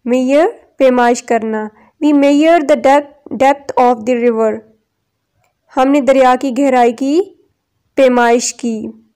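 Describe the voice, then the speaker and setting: High-voiced, slow-reading woman teacher. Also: warm tone. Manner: reads English text slowly word by word, then explains in Urdu. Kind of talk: recorded textbook lesson.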